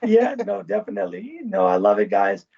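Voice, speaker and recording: A man's voice: sits high, huge pitch swings, a little fast, vocal fry, a little mellow, breathy edge. A man speaking as an interview guest in a casual, expansive way, often tagging his points with "right?" and "you know", heard over a muffled video call. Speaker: guest, former event manager and professor.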